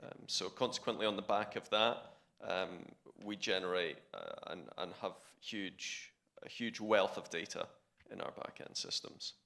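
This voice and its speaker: A man's voice: sits low, expressive, measured pace, creaky, pushed and bright. Conference panelist, man, explanatory with restarts.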